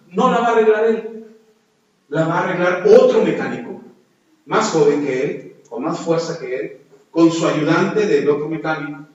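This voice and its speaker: A man, a pastor, telling a testimony in a sermon and acting out the dialogue. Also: high-pitched. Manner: storytelling, acts out dialogue. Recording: very echoey, distant, dull sound.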